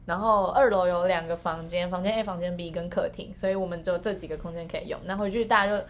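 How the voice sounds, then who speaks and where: Fast-talking woman telling a story. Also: lowish voice, steady tone, slight background noise. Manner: rambling storyteller with many restarts. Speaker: podcast co-host. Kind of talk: casual storytelling chat.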